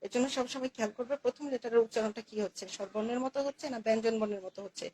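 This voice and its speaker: A woman's voice: fairly high pitch, rapid-fire, darkish tone, a little hiss or hum, poor audio. A woman teaching English grammar to young students, patiently repeating key words and answering her own questions. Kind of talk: classroom lesson explaining articles.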